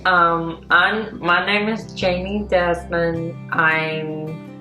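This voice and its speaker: A woman in her twenties from North Carolina, speaking haltingly in an interview, with long pauses between words. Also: lowish voice, steady tone. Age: 20s. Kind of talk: personal interview. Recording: roomy room, distant mic, soft guitar.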